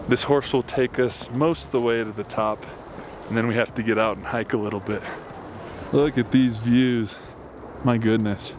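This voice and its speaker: A man's voice: medium pitch, noisy background. A man casually narrating his travel vlog as he goes. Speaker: travel vlogger.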